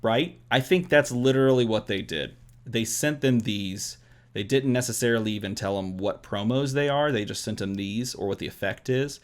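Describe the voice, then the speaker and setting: Male vlog host, mid-pitched, overexcited babbler, rambles and speculates emphatically to viewers about a hobby. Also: moderate pace. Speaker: host of a trading card game video channel.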